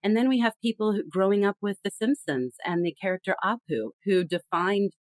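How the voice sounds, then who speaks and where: A woman's voice: mid-range voice, a little fast, no room sound, low-quality recording. A woman guest on a podcast interview, talking emphatically and expressively about communication. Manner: emphatic, expressive, lively storytelling. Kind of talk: conversational interview.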